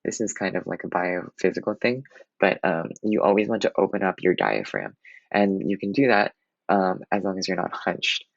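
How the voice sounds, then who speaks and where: A man's voice: low-pitched, expressive, normal speed, vocal fry, dry recording, muffled recording. A young man giving an earnest public speaking lesson for Model UN students, with occasional restarts. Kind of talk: instructional talk.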